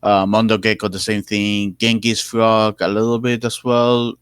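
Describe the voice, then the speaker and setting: Low, dry-voiced man chatting casually. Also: level tone, moderate pace, fairly bright tone, smooth, no room sound. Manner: rambling, many fillers and restarts. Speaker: podcast co-host. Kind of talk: casual chat.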